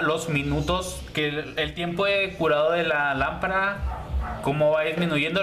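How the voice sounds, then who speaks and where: A man's voice: fairly high pitch, fairly bright tone. A man hosting a casual product review vlog, chatty and hesitant, repeating himself and using lots of diminutives. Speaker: YouTube beauty channel host reviewer. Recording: roomy echo with background hiss.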